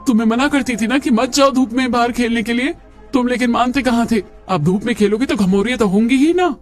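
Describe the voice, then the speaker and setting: A weary young village wife with a high, sighing voice, as a male narrator puts her on. She sounds patient and gentle in a cartoon story, with soft music behind her. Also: normal speed. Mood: scolding.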